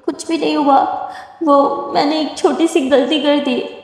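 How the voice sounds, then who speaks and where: Storybook heroine, tearful young woman, stammering and pleading, high voice, played by a woman, echoey hall sound. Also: steady tone, unhurried. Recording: heavy echo, long hall reverb.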